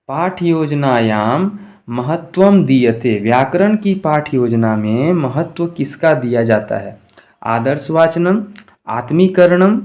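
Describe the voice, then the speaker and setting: A man with a fairly high voice teaches an exam-prep lesson. He reads questions aloud, then explains them with rhetorical questions to the class. His pace shifts between slow, stretched-out words and quick bursts. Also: a little mellow. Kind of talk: exam-prep lesson going through multiple-choice questions.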